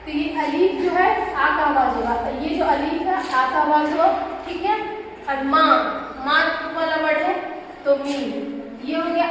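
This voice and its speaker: A woman's voice: high voice, a bit bright, slight background noise. A woman teaching an Urdu class in a school classroom, mixing Hindi and English and often checking that students understood. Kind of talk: classroom lesson. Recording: distant voice in echoey hall.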